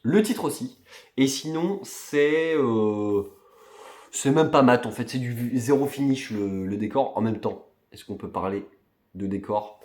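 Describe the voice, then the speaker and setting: A collector vlogger casually shows off his film collection in an unboxing-style show-and-tell, chatty and rambling with lots of fillers and restarts. His medium-pitched voice is a little slow and darkish in tone, and the room is reverberant.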